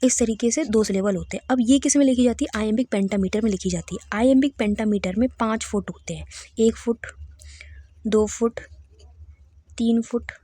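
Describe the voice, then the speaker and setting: A woman's voice: on the high side, normal speed, warm tone, dry recording. Woman teaching a literature lesson. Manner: checks in with listeners often, repeats key terms.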